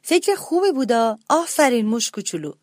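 A woman voicing a kind, sensible sister mouse who talks gently and reasonably. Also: on the high side, big pitch swings, dry recording, clean studio sound.

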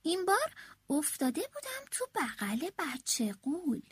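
A woman reading a children's story aloud in the first person, with an expressive, animated delivery. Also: sits high, no room sound.

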